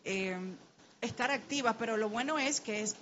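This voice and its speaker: A middle-aged woman from the Dominican Republic, with a Dominican Spanish accent, gives personal testimony on a panel, earnest and heartfelt before growing urgent as she urges listeners to act. Her voice sits on the high side with a fairly bright tone at a moderate pace; the audio has highs cut off and a little hiss or hum.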